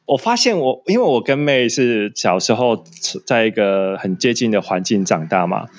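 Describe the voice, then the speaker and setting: A man's voice: lowish voice, lively intonation, moderate pace. A man with a Taiwanese Mandarin accent talking casually in a conversation. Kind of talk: casual chat.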